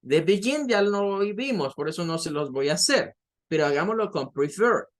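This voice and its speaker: A man's voice: high voice, expressive. A man who speaks Spanish as a first language, teaching English grammar and repeating key points patiently. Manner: models English words slowly. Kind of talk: online grammar lesson.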